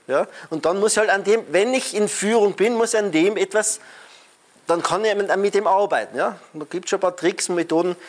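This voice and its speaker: A middle-aged man giving a live talk on leadership, lively and emphatic, often checking in with the audience. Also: high-pitched. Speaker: speaker on leadership.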